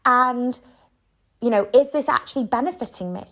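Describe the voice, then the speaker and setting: Woman, fairly high voice, reflective coaching talk, encouraging, conversational, rhetorical questions. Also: normal speed, a bit bright. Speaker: self-love coach.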